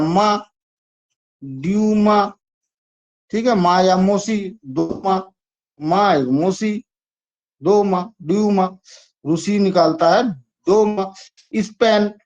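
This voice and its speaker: With a voice that sits high but has a darkish tone, a man teaches exam prep, chatty and repeating points while coaxing students through memory techniques. Dull, lo-fi sound quality.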